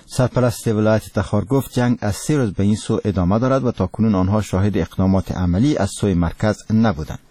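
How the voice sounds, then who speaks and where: A man's voice: on the low side, few pauses, warm tone, breathy edge, no echo. A man with an Afghan Dari accent reads scripted radio news as a presenter, in a solemn, formal newsreader manner.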